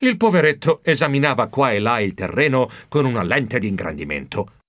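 A man narrating a children's audiobook in the first person, animated and expressive. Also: medium pitch, a little fast, no room sound, studio quality.

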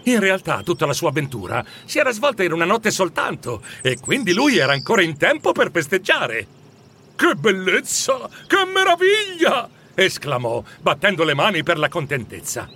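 A man narrating a children's storybook in an expressive, animated way. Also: a little high, brisk, hardly any pauses, slight background noise. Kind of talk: storybook reading.

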